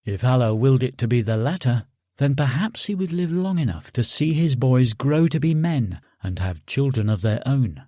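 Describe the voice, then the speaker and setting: A man narrating an audiobook in a calm, steady reading voice, close to the mic. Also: medium pitch, normal speed, dry recording. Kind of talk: scripted narration.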